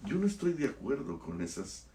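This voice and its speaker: A male pastor preaching a sermon, impassioned, swinging from hushed lines to loud exclamations. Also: mid-range voice, big pitch swings, brisk, reverberant, recorded from a distance.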